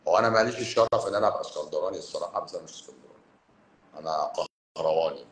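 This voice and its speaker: A man from Cairo with an Egyptian accent, a doctor talking bluntly and emphatically to viewers on a livestream, swinging between loud and hushed. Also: sits low, racing, echoey room, slight background noise, poor audio. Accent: Egyptian Arabic, Cairo. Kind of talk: livestream talk answering viewers.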